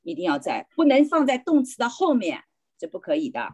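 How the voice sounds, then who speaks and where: A woman's voice: fairly high pitch, sing-song, brisk, warm tone, husky. A woman teaching a beginner language class over a video call, patiently correcting pronunciation and checking that students follow. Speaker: volunteer Spanish teacher.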